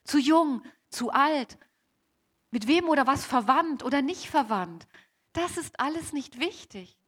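A woman speaking in character as a young, devout Mary in a first-person sermon, slow and emphatic, repeating key phrases and addressing the congregation directly. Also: sits high. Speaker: preacher in character.

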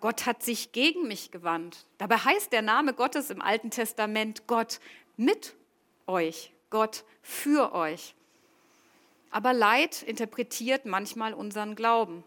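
A woman's voice: medium pitch, fairly bright tone. A woman giving a devotional sermon, reading scripture aloud and then reflecting on it earnestly. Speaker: preacher.

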